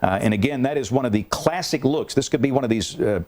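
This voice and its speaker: A man anchoring live severe weather coverage, urgent and deliberate, repeating key warnings. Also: medium pitch, lively intonation, darkish tone.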